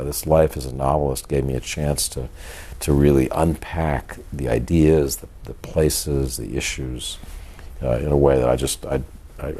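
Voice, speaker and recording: Older man, very deep monotone voice. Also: slightly rough. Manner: measured, halting, thoughtful. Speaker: author and journalist being interviewed. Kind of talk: reflective interview talk.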